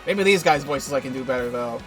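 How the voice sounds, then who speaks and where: A man's voice: medium pitch, animated, fairly quick. A man casually commenting on a video game, hesitant and self-deprecating. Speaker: gaming channel host. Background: faint game music.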